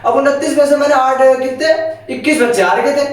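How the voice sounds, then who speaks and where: A teenage boy telling a school story to camera in a casual vlog, animated and indignant. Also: extremely high pitch, moderate pace. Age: late teens. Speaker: vlogger, school student. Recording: echoey room, far from the mic.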